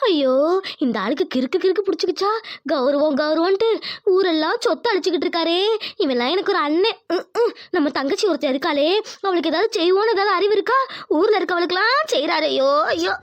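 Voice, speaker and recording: A woman's voice: extremely high pitch, quick pace, lo-fi sound. A woman voicing a fretful, greedy middle-aged village mother in a cartoon, wailing and grumbling in self-pity. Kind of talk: cartoon voice acting.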